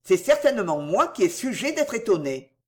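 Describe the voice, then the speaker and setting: Woman reading an agitated, jealous gentleman. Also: medium pitch, sing-song, moderate pace, close to an everyday voice.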